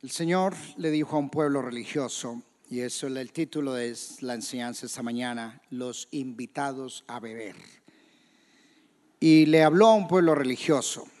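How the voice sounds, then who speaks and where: A man preaching a sermon as pastor in a church, questioning the congregation and shouting quoted scripture. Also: mid-range voice, normal speed, big-room sound. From Colombia. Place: church hall.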